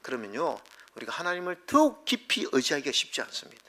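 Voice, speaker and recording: Sharp-voiced preaching man, dramatic. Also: a little high, very animated, fast talker. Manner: dramatic swings from loud cries to hushed whispers. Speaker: pastor. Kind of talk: Sunday sermon. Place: church sanctuary.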